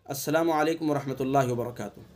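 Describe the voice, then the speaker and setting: A man from India giving an online Quran recitation lesson. He explains the rules patiently, drills single sounds by repeating them, and recites verses in a slow, drawn-out chant. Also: medium pitch, a little mellow.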